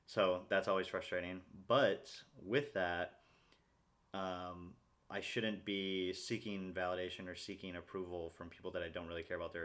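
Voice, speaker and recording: A man's voice: low-pitched, fairly bright tone. A young man talking casually to his viewers in a rambling monologue, often checking in with "right?". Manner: rambling, peppers sentences with "right?". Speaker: vlogger.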